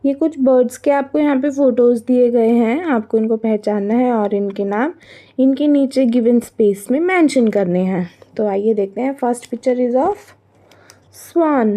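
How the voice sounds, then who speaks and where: A primary school teacher with an Indian accent works through a workbook with young children, moving between Hindi and English and answering her own questions. Her voice sits on the high side, mellow and unhurried.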